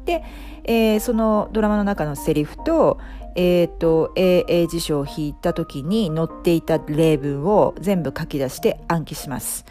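A woman's voice: fairly low pitch, measured pace, mellow, soft background music. A middle-aged woman, a life coach, talking casually as a podcast guest, with many fillers and restarts. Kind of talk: casual interview talk.

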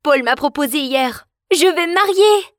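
Uma mulher fazendo uma jovem noiva animada. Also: female voice, fairly high pitch, moderate pace, no room sound, lightly acted. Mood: excited. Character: excited young woman friend announcing her engagement.

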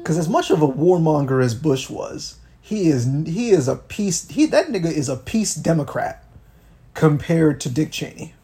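Dark-voiced young man ranting casually. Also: fairly high pitch, very animated, moderate pace, breathy edge. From Miami, Florida. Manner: profane, ranting, thinks aloud with restarts. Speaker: podcast co-host. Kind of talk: casual political chat.

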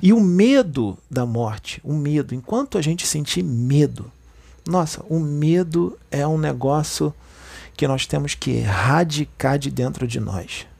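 A man's voice: a little high, expressive, unhurried, vocal fry, darkish tone, slightly rough. A man with a Brazilian Portuguese accent giving an informal spiritual talk, conversational and constantly checking in with his listeners. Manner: conversational, tags lines with "né" and "tá", addresses listeners as "gente". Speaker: spiritual speaker.

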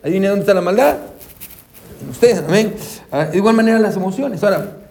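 A man's voice: high-pitched, expressive, brisk, gravelly, darkish tone. A man teaching a Sunday school lesson as a counselor, calling listeners brother and saying amen often, with English terms mixed in. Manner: addresses listeners as brother, frequent amens; acts out quoted voices, mixes in English terms.

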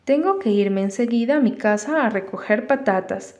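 Brief: woman playing a jeering storybook schoolboy bully, high and loud, mellow tone. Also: a little slow, close to an everyday voice. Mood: taunting. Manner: taunting, singsong jeers.

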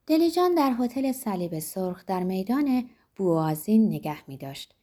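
A woman narrating a literary novel as an audiobook, in a measured, expressive storytelling manner. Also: fairly high pitch.

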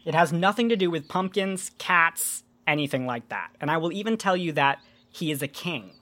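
A woman hosting a casual podcast, explaining myths and folklore in an animated, joking way with some swearing. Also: low voice, normal speed. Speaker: podcast host.

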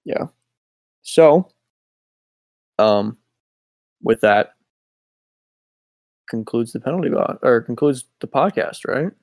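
A tired young man co-hosting a casual podcast over a voice call, speaking low-key with many filler ums. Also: expressive, slow, pauses often, darkish tone, no echo, clean studio sound. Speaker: podcast co-host. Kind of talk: casual chat. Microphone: Discord voice call.

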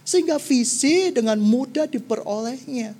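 A woman preacher giving a sermon, telling the story in a playful, animated way and swinging between soft and loud. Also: high-pitched, moderate pace, husky.

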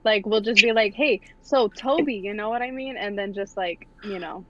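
A woman's voice: mid-range voice, normal speed, dull audio. A woman in casual group podcast chat, blunt and teasing as a panelist.

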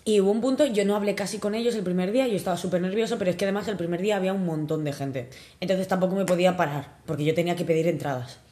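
Young woman, kinda tipsy, telling a story all excited, giggly, casual podcast chat. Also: on the low side, very fast. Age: young adult. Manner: animated, excitable, laughs often. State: a little tipsy.

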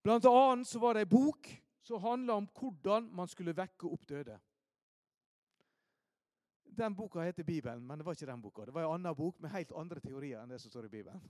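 A preacher from Ålesund, telling stories in a sermon, shifting between loud emphasis and hushed asides. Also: male voice, high-pitched, no echo, studio quality. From Norway, Ålesund. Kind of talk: storytelling sermon.

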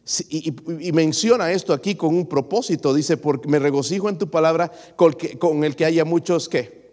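A man's voice: fairly high pitch, normal speed, darkish tone. A man preaching a sermon as pastor, addressing his congregation as brothers and putting questions to them. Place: church. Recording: long reverb of a hall.

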